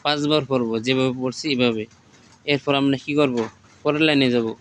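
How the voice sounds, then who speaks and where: A man teaching the Arabic alphabet, reciting each letter slowly and drawn out, patient and repetitive. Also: mid-range voice, steady tone, slight background noise. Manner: slow, patient, repeats each line.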